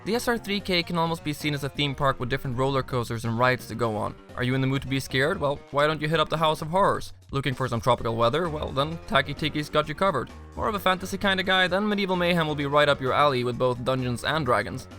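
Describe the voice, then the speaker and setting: A man's voice: a little high, expressive, fast talker, hardly any pauses, pushed and bright, faint music behind. A man narrating a scripted game review as host, with wry, sarcastic asides.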